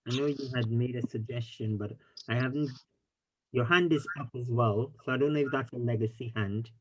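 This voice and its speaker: A man's voice: medium pitch, fairly quick, muffled recording. A middle-aged man chairing an online meeting informally over a video call.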